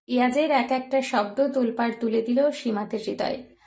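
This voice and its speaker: A woman narrating a romance story in a soft, even storytelling voice. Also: a little high, moderate pace.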